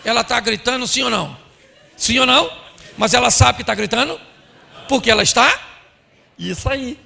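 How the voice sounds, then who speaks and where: A man pastor preaches a lively, joking sermon at a church conference. His voice sits high and bright with a heavy gravelly rasp, and he keeps slipping into little acted scenes. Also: moderate pace. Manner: animated, playful, acts out scenes. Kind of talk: humorous sermon.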